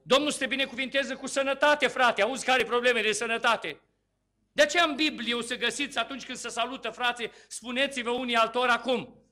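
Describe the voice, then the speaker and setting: A male preacher with a high, bright and sharp voice delivers a sermon to his congregation. He poses rhetorical questions and swells into forceful, emphatic bursts before dropping back down. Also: fairly even intonation.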